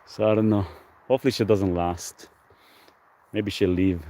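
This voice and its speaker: Speaking at a normal speed, this livestream host from Lebanon has a lowish, mellow voice with fairly even intonation. He's outdoors on off-grid rural land, recording on his phone camera, chatting casually while reading and answering viewer comments.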